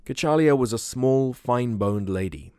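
A man narrating a scripted news report as a radio reporter, in a smooth, even delivery. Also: mid-range voice, normal speed, dry recording, clean studio sound.

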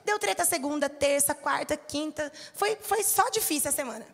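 Woman, thirties, Brazilian Portuguese accent, high voice, chatty storytelling sermon, church, long hall echo. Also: normal speed, creaky, fairly bright tone. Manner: conversational, storytelling with acted-out quotes. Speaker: church speaker.

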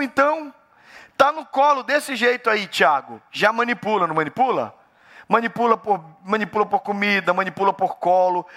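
A middle-aged man with a Brazilian Portuguese accent preaches a sermon in a church. His voice sits high and rings bright, climbing in emphatic repeated phrases. He keeps turning to the congregation with direct questions. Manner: preaching with rising, emphatic repetition. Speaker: pastor.

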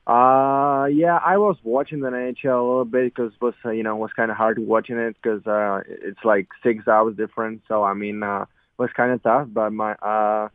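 A young man with a Czech accent calls in to a radio show, his voice pitched a little low. He answers in halting, hesitant English padded with fillers. The sound is a tinny, dry phone line. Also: fairly even intonation, clear, resonant tone, no room sound. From Czech Republic. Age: young adult. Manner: halting, filler-heavy non-native English. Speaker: guest athlete. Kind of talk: call-in radio interview.

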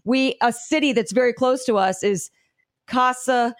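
A woman's voice: on the high side, a little slow, dry recording, studio quality. A woman with an American accent co-hosting a motorsports radio show in casual, upbeat chat.

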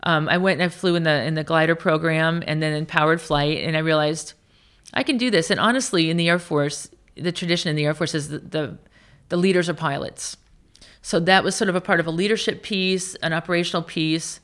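Speaking briskly in a low, steady, fairly bright voice, a woman in her late fifties from Iowa tells frank stories in an interview. She's a senior military officer, and her speech comes in restarting bursts.

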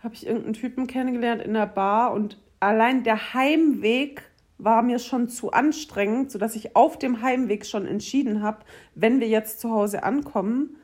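Eine junge Frau plaudert im Podcast, frech und verspielt mit Zwischenrufen. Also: female voice, on the high side, normal speed, hardly any pauses, darkish tone. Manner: cheeky, playful interjections. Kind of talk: casual chat.

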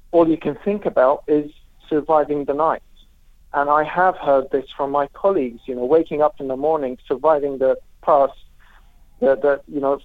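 A man from Lebanon speaks about aid work over a tinny phone line with a slightly high voice. His answers come out halting, full of restarts and repeated words, and the sound is dry and close. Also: dry recording. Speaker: humanitarian aid worker. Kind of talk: remote interview answers.

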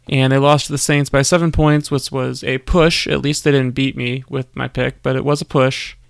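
A man co-hosting a sports podcast in casual chat, wry and quick to laugh. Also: mid-range voice, little pitch movement, creaky, clean tone, dry recording, studio quality. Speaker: podcast co-host.

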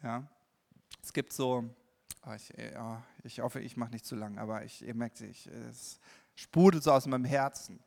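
A man's voice: mid-range voice, normal speed, creaky, a little mellow. A middle-aged man giving a personal, conversational sermon, often breaking off and restarting, and acting out his own inner voices. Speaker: preacher. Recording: long reverb of a large hall.

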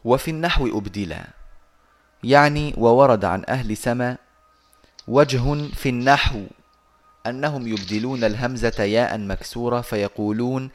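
A man teaching Quran recitation over a video call, patiently explaining and slowly reciting verses. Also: medium pitch.

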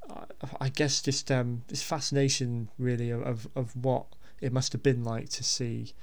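A man's voice: mid-range voice, level tone, normal speed. A man hosting a podcast, talking casually and unscripted in a hesitant, rambling way with repeated words. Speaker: podcast host.

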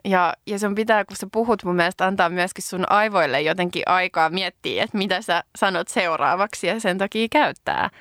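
A woman co-hosting a casual podcast conversation, talking in a thoughtful, lively way with fillers. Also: fairly low pitch, few pauses, no echo, clean studio sound. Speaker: podcast co-host.

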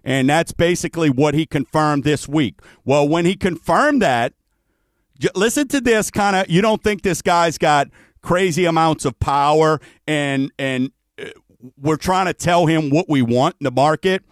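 A man's voice: fairly high pitch, a little slow, no room sound, clean studio sound. A man from New Orleans hosting a radio show, talking to listeners in a folksy, chatty way. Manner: folksy, chatty direct address. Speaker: radio show host, mortgage professional. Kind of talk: radio talk and sponsor reads.

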